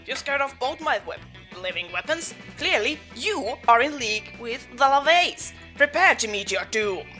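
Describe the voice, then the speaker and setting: A woman's voice: high voice, expressive, normal speed, bright, forceful tone, faint music behind. A woman voicing a belligerent, power-hungry demon princess from a game, with grandiose, declamatory delivery. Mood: imperious.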